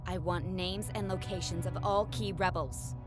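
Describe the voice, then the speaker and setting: Woman playing a composed enforcer over loud music. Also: fairly low pitch, fairly even intonation, moderate pace, natural voice. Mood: stern. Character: composed, authoritative young female enforcer. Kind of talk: video game character acting.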